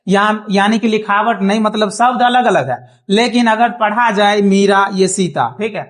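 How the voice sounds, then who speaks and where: A man's voice: high-pitched, normal speed, a bit bright. Guy teaching a class, patient, keeps checking everyone gets it. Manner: patient, repeats checks like "thik hai?". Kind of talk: classroom lesson. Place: small classroom.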